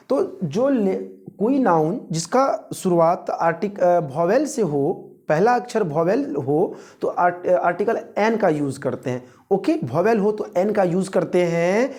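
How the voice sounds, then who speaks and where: An English teacher with an Indian accent walks students through exam grammar, stretching each example sentence out slowly before explaining it. He keeps quizzing the listener and giving them a moment to guess. His voice is mellow and dark, and he rarely hurries. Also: high voice. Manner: slow, drawn-out reading of example sentences, mixing English into instruction. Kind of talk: exam-prep grammar lesson.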